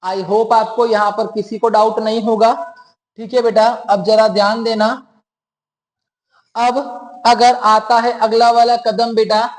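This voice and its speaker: Slow and level in tone, a high-pitched male teacher patiently works through rules in a classroom lesson. He frequently checks that students follow, asks them questions, and keeps calling them "beta."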